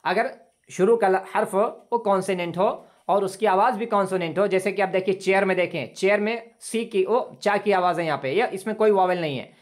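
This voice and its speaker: A man teaching an online English class over a video call, explaining patiently, repeating points and stretching out example sentences slowly. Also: high voice.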